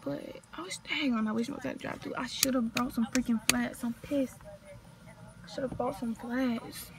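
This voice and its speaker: A woman's voice: a little high, steady tone, a little slow, gravelly, very noisy. A young woman in her late teens with a North Carolina accent, chatting casually and rambling into her phone outside, full of slang and side remarks. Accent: North Carolina Southern US. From North Carolina, USA. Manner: chatty, slangy, meandering asides. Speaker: vlogger. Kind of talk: casual rambling vlog chat. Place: outdoors, sitting outside. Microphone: phone camera.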